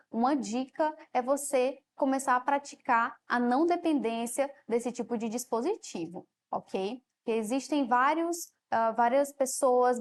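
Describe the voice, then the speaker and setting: A woman with a Brazilian Portuguese accent, teaching a televised classroom lesson and explaining step by step, often closing phrases with a softer "ok?". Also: on the high side. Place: studio.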